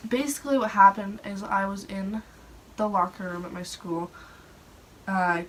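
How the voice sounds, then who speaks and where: A woman's voice: lowish voice, rough recording. A young adult woman casually telling personal stories in a chatty, rambling way, saying "like" often. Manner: chatty, rambling, heavy use of "like". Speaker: storyteller host. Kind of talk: casual storytelling about personal experiences. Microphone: phone propped on a dresser. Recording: clear background noise.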